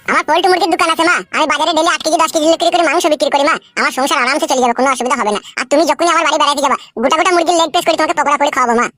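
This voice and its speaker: A woman's voice: sits high, very fast, few pauses, sharp tone, no echo, studio quality, faint music behind. A woman voicing a pushy young suitor who coaxes an older woman in a comic cartoon. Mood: coaxing. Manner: coaxing, repeating "mother". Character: smooth-talking young suitor, wheedling and pushy.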